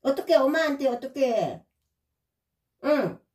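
A woman talks to her pet in a somewhat high voice, scolding it and repeating short commands over and over. She speaks very slowly. She is heard from across an echoey room, well away from the mic. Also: lively intonation, darkish tone. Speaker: pet owner vlogger. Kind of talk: talking to a pet. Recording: roomy, from a distance.

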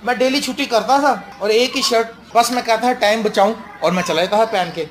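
A man's voice: very high-pitched, background noise. A male pastor delivering a fervent sermon, swinging between stern warnings and joking stories.

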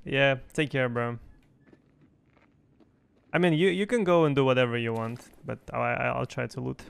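Playing an online shooter on stream, a young adult man from Russia talks casually and keeps repeating short phrases. He's picked up close by a boom mic with a headset at a desk, and his medium-pitched voice is clear and resonant with vocal fry, at a moderate pace.

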